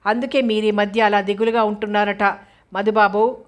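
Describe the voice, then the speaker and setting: A woman voicing a frightened, grieving young woman from an audio novel. She speaks with soft, tearful pleading, and the voice stays level and narrow in pitch. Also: level tone, moderate pace, natural voice. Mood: hurt.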